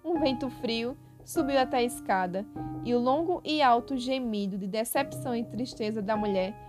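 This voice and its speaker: A woman storyteller reading a short story aloud in a measured, dramatic way. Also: on the high side. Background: background music.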